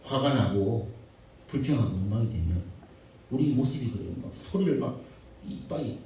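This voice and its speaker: Animated Korean pastor preaching in an echoey church. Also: male voice, medium pitch, normal speed. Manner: animated preaching, repeats phrases, swings from hushed to shouting. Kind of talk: sermon. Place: church sanctuary. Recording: echoey church hall, mic far off, faint hiss.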